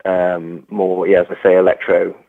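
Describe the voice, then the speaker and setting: A young English musician, interviewed casually as a guest, speaks in a low-pitched, creaky monotone at a moderate pace. He falters often with fillers and restarts. The audio has no echo but a thin, phone-like sound.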